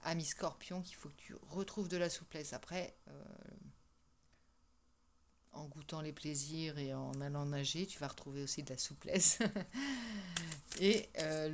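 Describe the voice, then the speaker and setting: A woman doing a casual tarot reading for her viewers, chatty and hesitant with many fillers and restarts. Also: on the low side. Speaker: tarot reader. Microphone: microphone that keeps falling.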